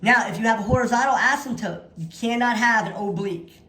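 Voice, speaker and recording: Brisk and a bit bright, with a fairly high pitch, a woman teaches math by walking through practice problems. She dictates the notation piecemeal and repeats key phrases for emphasis, in a recording with echoey room sound.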